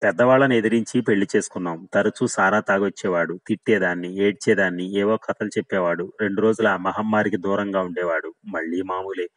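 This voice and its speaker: A man's voice: deep voice, steady tone, a little fast, few pauses, fairly bright tone, no echo, poor audio. A man voicing an older village mother who recounts her hardships plainly and sadly. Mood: sorrowful. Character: village mother, older woman, weary and sorrowful.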